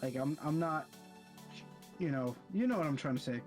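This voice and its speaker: A man's voice: on the high side, animated, moderate pace, faint music behind. A young man, a college student, chatting casually over a voice call, rambling and stumbling over his words. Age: young adult.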